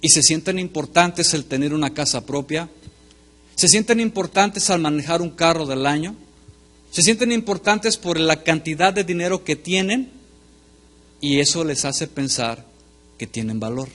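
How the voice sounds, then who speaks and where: A middle-aged male pastor giving a sermon, speaking straight to his congregation and swinging between forceful and quiet delivery. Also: on the high side, expressive, normal speed. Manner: emphatic preaching that swings between loud and soft.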